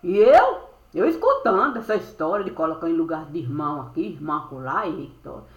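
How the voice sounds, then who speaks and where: A woman telling a spiritual story as a monologue, in rhyming, sing-song phrases that end on drawn-out verbs, recorded on a webcam. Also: sits low, very animated, muffled recording. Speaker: storyteller recounting a spiritual experience. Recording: echoey room.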